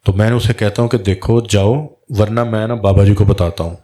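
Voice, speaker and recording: A man's voice: fairly low pitch, steady tone, mellow. A man, a Sufi spiritual guide, telling a story in a religious talk and acting out the dialogue in quoted voices.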